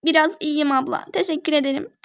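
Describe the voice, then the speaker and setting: A woman's voice: high voice, fairly even intonation, gravelly, a bit bright. A woman voicing a protective young older sister in a toy-figure drama, pleading and caring by turns. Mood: tender. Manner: pleading then tender, fast-shifting.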